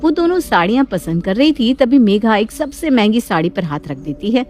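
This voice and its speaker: A woman narrating a moral cartoon story in an expressive, teasing storyteller manner. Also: a little high, moderate pace, soft background music.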